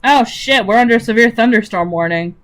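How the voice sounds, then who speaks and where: A young woman streamer chatting casually about her characters, animated, swearing freely and laughing often. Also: on the high side, fairly quick.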